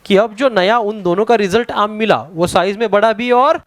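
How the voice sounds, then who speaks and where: A man with an Indian accent teaching a science lesson to a class, mixing two languages, pausing to search for words. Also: high voice, dry recording. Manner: explains in a Hindi and English mix, spells words out; halting, searches for words with many fillers.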